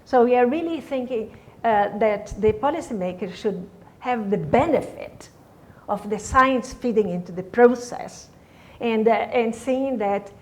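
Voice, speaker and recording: A woman's voice: a little high, measured pace, darkish tone. A woman speaking as a scientist on a panel, hesitant, with many "you know"s and "uh"s. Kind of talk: panel discussion remarks.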